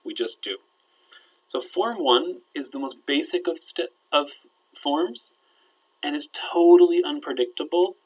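A man's voice: on the high side, a little slow, slightly rough, low-quality recording. A man explaining verb grammar to his students in a recorded lecture, checking in with them often and letting his voice drop at the ends of phrases. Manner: explanatory, checks in with "all right?", trails off quietly at ends of phrases. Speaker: Arabic teacher.

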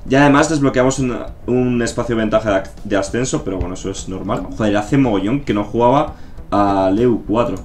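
A man's voice: fairly low pitch, brisk, slight background noise. A man with a Spain Spanish accent giving casual gameplay commentary, thinking aloud with fillers, swearing and joking. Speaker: gameplay streamer. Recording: faint game music behind. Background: faint game music.

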